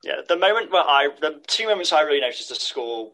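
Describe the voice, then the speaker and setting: A man's voice: fairly high pitch, lively intonation, a little fast, bright, forceful tone, low-quality recording. A man co-hosting a podcast, talking thoughtfully with plenty of "like" and "um". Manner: thoughtful, lots of "like" and "um". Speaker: podcast co-host. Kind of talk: casual chat.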